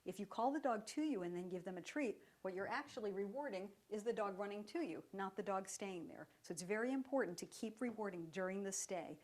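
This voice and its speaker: A woman teaching dog training, her voice calm and even. She explains each step clearly and patiently. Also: medium pitch, a little fast, few pauses. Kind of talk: instructional demonstration.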